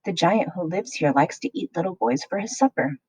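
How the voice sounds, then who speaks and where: A woman's voice: on the low side, lively intonation, a little fast, warm tone, slightly rough, no echo. A woman voicing a kind female cook in a giant's castle, giving urgent warnings.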